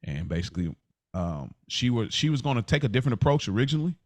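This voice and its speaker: This man co-hosts a podcast and shares personal stories loosely, frequently repeating himself and starting phrases over. He has a medium-pitched, sing-song delivery at a quick pace, and there's no echo.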